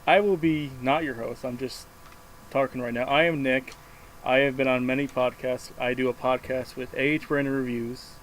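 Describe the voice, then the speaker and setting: A man opens and steers a casual group podcast, introducing friends and tossing in offhand, dry jokes. His voice sits at an ordinary middle pitch. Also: fairly even intonation, normal speed, a little hiss or hum. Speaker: podcast host.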